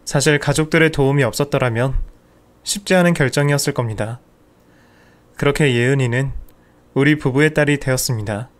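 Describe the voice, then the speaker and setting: Calm man narrating a true story. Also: mid-range voice, brisk, long pauses. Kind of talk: first-person story narration.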